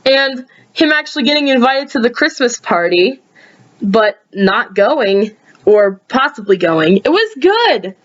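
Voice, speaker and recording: A woman casually rambling through reviews of her own videos, sleepy and yawning, with lots of ums and sudden jumps in pitch. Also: big pitch swings, measured pace, lo-fi sound.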